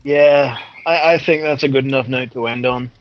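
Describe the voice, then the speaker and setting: Blunt cynical podcaster. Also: male voice, mid-range voice, moderate pace, muffled recording, a little hiss or hum. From Australia. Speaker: podcast co-host. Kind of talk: casual banter.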